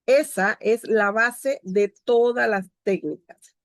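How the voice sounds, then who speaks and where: A woman's voice: on the high side, slow pace, dry recording, clean studio sound. A woman teacher giving a grammar lecture over a video call. She explains step by step and cues each slide aloud. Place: home.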